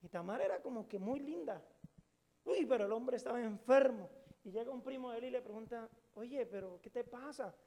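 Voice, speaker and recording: High, gravelly pastor preaching. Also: male voice, a little fast, warm tone. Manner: colloquial, joking storytelling with questions to the audience. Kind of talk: sermon.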